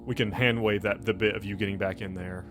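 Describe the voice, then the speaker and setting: With music underneath, a game master in a tabletop roleplaying session talks through explanations in a casual, conversational way. His voice sits on the low side, keeping a steady tone at a quick pace.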